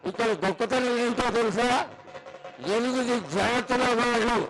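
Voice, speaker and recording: A man's voice: extremely high pitch, poor audio. A man making devotional public announcements at a temple ceremony, speaking solemnly and instructively in short separate phrases.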